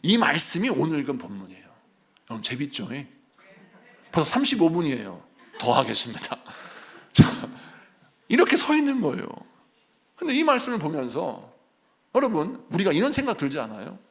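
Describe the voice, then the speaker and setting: Lively, gravelly Korean pastor preaching. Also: male voice, fairly high pitch, moderate pace, long pauses. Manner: animated storytelling, acting out voices. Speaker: senior pastor. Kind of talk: sermon.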